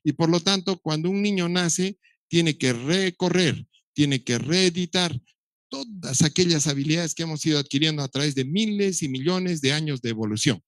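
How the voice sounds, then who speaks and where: Man, middle-aged, lecturer, explanatory, dry humor, slightly high voice, dry recording. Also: normal speed, dry recording. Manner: explanatory, imitates baby sounds, dry humor. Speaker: doctor lecturing on child development.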